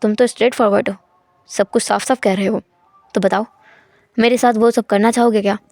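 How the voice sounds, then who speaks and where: A woman voicing a cold, teasing, dominant young husband in a storytelling fan fiction, speaking low, calm and insistent. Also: brisk, no echo, close to an everyday voice.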